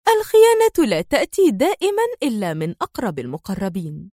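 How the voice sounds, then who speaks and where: A woman's voice: mid-range voice, wildly swooping pitch, fast, dark tone, dry recording, clean studio sound. A woman playing a cold, ruthless gang boss. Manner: harsh, stern and cold.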